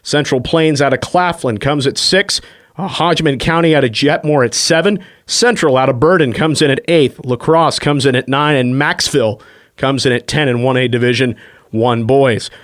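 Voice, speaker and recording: A man hosting a sports radio show, rattling off scores and rankings in a quick, breezy way with frequent uh's, at a studio microphone. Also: medium pitch, fairly bright tone. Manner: rapid, breezy delivery with filler uh's.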